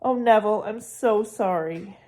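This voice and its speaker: A woman's voice: mid-range voice, unhurried, mellow, natural voice. A woman reading aloud and voicing a clever young schoolgirl witch who sounds anxious and apologetic.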